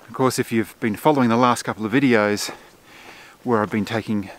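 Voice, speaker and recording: A man in his forties talks straight into a camera held at arm's length while he walks outdoors. He explains in a relaxed, chatty way with frequent fillers. Faint rushing water sits behind his voice. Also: lowish voice, noisy background. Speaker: landscape photographer. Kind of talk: casual vlog narration to camera. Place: outdoors in a forest and on a gorge lookout. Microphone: camera mic at arm's length.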